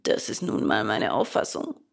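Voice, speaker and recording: A woman voicing a calm, resigned old male dolphin with a hoarse voice. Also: a bass voice, pitched below the performer's own voice, full character voice. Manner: calm, unhurried.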